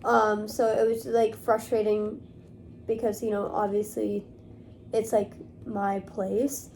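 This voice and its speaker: A woman's voice: mid-range voice, level tone, slow, a little mellow, slight background noise. A young woman vlogging to camera in casual talk, rambling along with many fillers. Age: young adult.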